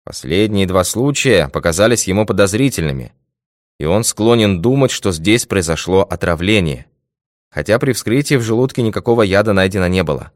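A man's voice: low voice, lively intonation, fairly quick, dry recording, studio quality. A man reading the lines of an earnest, worried male army colonel in a storybook tale.

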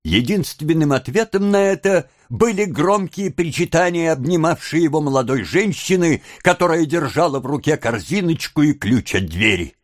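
A man narrating a classic novel as an expressive storyteller. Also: fairly high pitch, moderate pace, hardly any pauses, no room sound, clean studio sound. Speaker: audiobook narrator. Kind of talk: scripted narration.

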